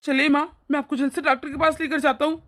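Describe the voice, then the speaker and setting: A woman voicing a young husband and caring son in a cartoon, gentle and eager to please. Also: high voice, flat delivery, quick pace. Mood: worried. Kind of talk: animated cartoon voice acting.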